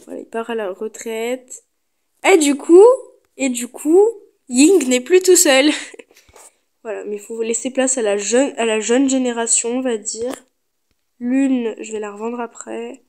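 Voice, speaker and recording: A woman giving casual, chatty gameplay commentary, thinking aloud as she goes. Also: fairly high pitch. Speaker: gaming video creator.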